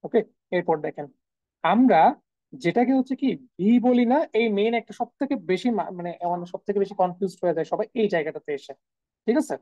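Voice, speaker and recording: A woman's voice: lowish voice, brisk, dark tone, dry recording, dull audio. A woman teaching a live online class, repeating each sound several times and answering her own questions. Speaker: German language teacher. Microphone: video call.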